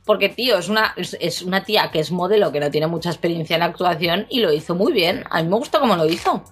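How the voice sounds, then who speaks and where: A woman's voice: on the low side, expressive, fast talker, husky, faint music behind. A woman with a Spain Spanish accent in a casual film chat, outspoken and swearing.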